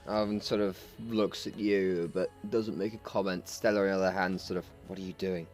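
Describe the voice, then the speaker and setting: A man's voice: low voice, fairly even intonation, moderate pace, darkish tone, faint music behind. A man narrating as game master of a tabletop game, loose and full of fillers.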